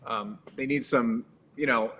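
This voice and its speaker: Male guest, mid-pitched, chatty storyteller with frequent ums and restarts. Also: unhurried, slight background noise. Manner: animated storyteller with many fillers and restarts. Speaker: guest, animal trainer. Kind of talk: casual interview chat.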